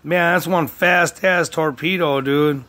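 A man vlogging in a crude, profane rant, swinging between shouting and low muttering. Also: fairly even intonation, slow pace. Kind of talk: profane ranting commentary.

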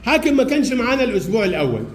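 A man's voice: very high-pitched, sing-song, racing, noisy background. A man with an Egyptian accent teaching a primary class, coaxing pupils with repeated questions. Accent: Egyptian Arabic. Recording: echoey classroom.

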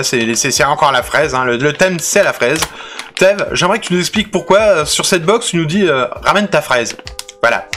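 Guy chatting through an unboxing, playful, stumbles over words, light music in the back. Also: mid-range voice. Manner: chatty, playful, with hesitant restarts. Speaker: unboxing channel host. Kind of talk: casual unboxing commentary.

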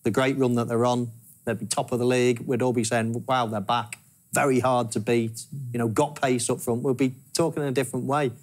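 A man in his forties giving measured football analysis in a TV studio on a lapel mic. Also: medium pitch, level tone, darkish tone. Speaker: football pundit. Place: large TV studio.

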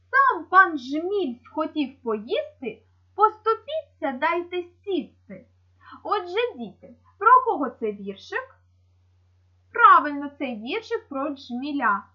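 A woman's voice: sits high, muffled recording. A woman teaching young children in a video lesson in Ukrainian-accented speech, patiently explaining each step. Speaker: primary school teacher.

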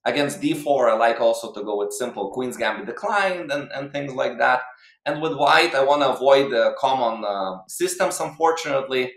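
This guest coach, a man in his thirties from Lithuania or the former Soviet region, answers interview questions in an explanatory way on a video call. He talks at normal speed in a medium, slightly bright voice. Captured at webcam distance, his plain indoor room sounds reverberant.

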